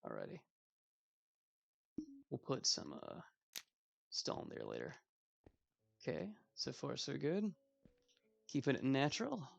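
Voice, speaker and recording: Gravelly-voiced young man rambling over gameplay. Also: mid-range voice, huge pitch swings, slow pace, long pauses, soft background music. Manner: rambling, self-mocking asides. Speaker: let's play host. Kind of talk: casual gameplay commentary.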